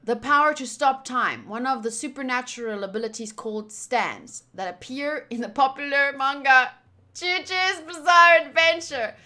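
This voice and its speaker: A woman streamer with a high voice reads visual novel text aloud at normal speed, adding casual, playful commentary. She is animated and exclaims often, with game music in the background.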